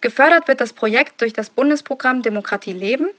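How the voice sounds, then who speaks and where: A woman reading a formal sponsor announcement in an even, careful way. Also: a little high, quick pace.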